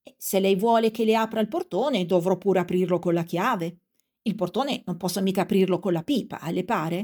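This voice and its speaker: A woman voicing a pedantic, quarrelsome little man with a stubborn logic, calling out loudly and a little higher than her narration. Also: normal speed, close to an everyday voice. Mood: indignant. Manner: loud, shouting up to a window.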